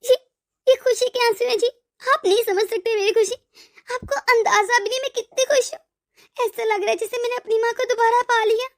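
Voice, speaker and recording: A woman's voice: very high-pitched, steady tone, a little fast. A woman voicing a stammering, emotional young wife. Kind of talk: cartoon voice acting.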